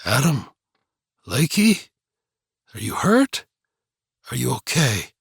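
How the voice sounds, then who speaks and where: A weak, hoarse father barely recovered from a coma, voiced by a male narrator. He talks slowly through a raspy throat, and the recording is close and dry. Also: medium pitch, a bit bright, no room sound.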